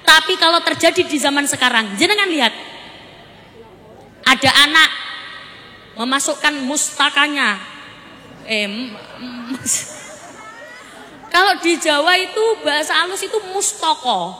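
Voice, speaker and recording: Woman preacher at a village gathering, high voice, playful and questioning, booming PA echo. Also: unhurried, pauses often. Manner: lively, jokey, quizzing the audience. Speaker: Islamic preacher. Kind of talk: humorous village sermon. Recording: reverberant PA with faint crowd and noise.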